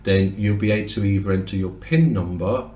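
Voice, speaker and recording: Guy losing his voice going over two laptops, lowish voice, chatty explaining, echoey room. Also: a little fast, dark tone, slight background noise. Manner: explanatory, conversational, occasional self-corrections. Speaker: tech reviewer. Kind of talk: product comparison review. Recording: roomy echoey room sound.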